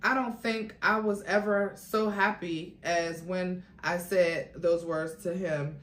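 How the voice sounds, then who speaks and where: With a lowish voice and fairly even intonation, a woman slowly reads a story aloud like a host, dramatic and theatrical, acting out the quoted dialogue. The recording has a roomy echo and faint noise.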